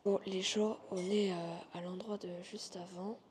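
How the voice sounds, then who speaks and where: A woman casually narrating an exploration vlog in a hesitant, halting way, trailing off between observations. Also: medium pitch, level tone, a little mellow. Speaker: urban exploration vlogger. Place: inside a large abandoned hotel.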